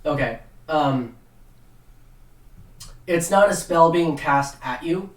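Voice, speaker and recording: Halting higher-voiced man, roomy and distant. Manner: halting, searching for words. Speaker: game master. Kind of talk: casual tabletop game narration.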